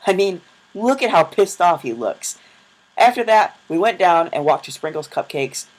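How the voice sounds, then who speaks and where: A man's voice: a little high, poor audio. A young man narrating his travel vlog in a casual, self-deprecating storytelling voice-over. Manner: chatty, self-deprecating, quick asides. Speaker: vlogger.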